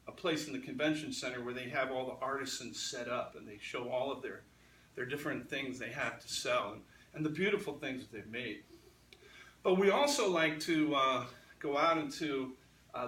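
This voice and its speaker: A man's voice: medium pitch, sharp tone. A man preaching a sermon as pastor, talking conversationally and acting out the lines he quotes. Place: church sanctuary. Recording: roomy church sound from a distant mic.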